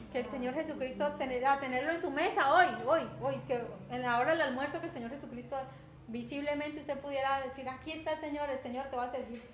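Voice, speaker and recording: Una mujer con acento colombiano que predica un sermón en tono conversacional, repitiendo palabras y preguntando a menudo «¿cierto?». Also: female voice, high-pitched. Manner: conversational, repeats words, often asks "¿cierto?". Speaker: preacher. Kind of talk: sermon. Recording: echoey room with faint background noise.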